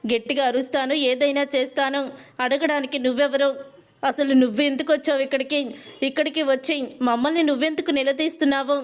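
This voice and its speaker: A woman voicing a sharp-tongued older mother-in-law in a spoken story retelling, with a scolding, demanding manner. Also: sits high, fairly even intonation, brisk, natural voice.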